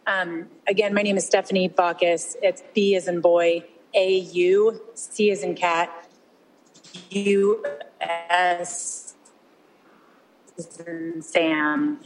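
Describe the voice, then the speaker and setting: Woman attorney, remote testimony, low-ish voice, halting delivery, video call line breaking up. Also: fairly even intonation, faint music behind, low-quality recording. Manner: hesitant, many fillers. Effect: video call connection breaking up. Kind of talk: remote testimony at a legislative hearing.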